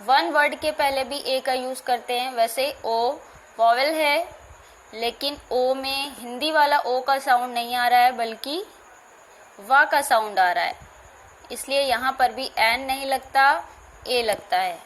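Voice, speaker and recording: A woman teacher talks through a grammar lesson at an unhurried pace, spelling words letter by letter and repeating key points. Her voice sits a little high. A faint background noise runs under the recording. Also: fairly bright tone. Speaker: school teacher.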